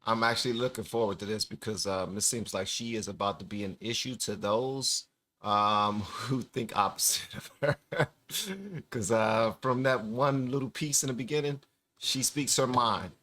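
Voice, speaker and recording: A man hosting a reaction video, commenting in a relaxed, chatty way with laughing asides. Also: fairly low pitch, moderate pace. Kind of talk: casual commentary.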